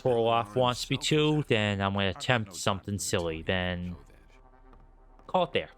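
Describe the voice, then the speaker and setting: A man's voice: fairly low pitch, a little slow, fairly bright tone. A man streaming a game with casual commentary, rambling and talking to himself.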